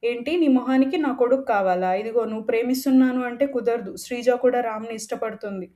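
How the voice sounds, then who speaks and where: A woman voicing a bitter, scheming middle-aged mother who scolds quickly and threatens. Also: a little high, warm tone, natural voice. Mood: angry.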